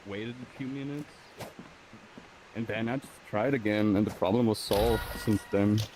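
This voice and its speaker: Quiet German-accented man, noisy mic. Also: lowish voice, fairly even intonation, moderate pace. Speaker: player in voice chat.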